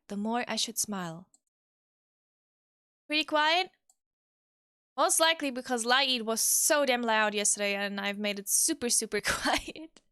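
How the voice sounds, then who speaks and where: Heard in clean studio sound with a clear, echo-free tone, this high-voiced VTuber casually chats through a game stream and reads the visual novel's story aloud. Soft piano music plays behind her as she hesitates, interrupts herself, and exclaims softly.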